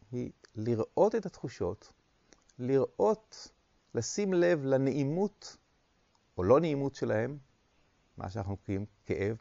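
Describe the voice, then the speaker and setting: A man giving a reflective dharma talk as a meditation teacher, speaking in short phrases with pauses and repetitions. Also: medium pitch, gravelly, warm tone, no room sound, muffled recording.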